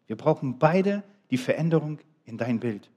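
A middle-aged man preaching a sermon, swinging between loud, emphatic appeals and quiet, low asides. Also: expressive, normal speed.

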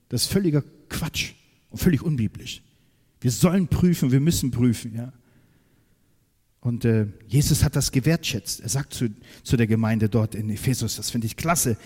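A man's voice: medium pitch, husky. Fervent male preacher in a reverberant hall. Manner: emphatic, swings from loud to quiet, asks the listeners questions. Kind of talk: sermon.

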